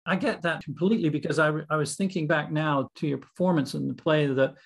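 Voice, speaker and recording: A man's voice: on the high side, fairly even intonation, a little fast, creaky. A man hosting a podcast interview, curious and eagerly framing his questions. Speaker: podcast host.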